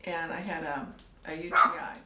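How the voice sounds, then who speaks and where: An older woman telling her story in a casual interview, soft-spoken and trailing off into near-whispers. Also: low voice, steady tone, moderate pace, very noisy. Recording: echoey room, mic at a distance, faint ambience.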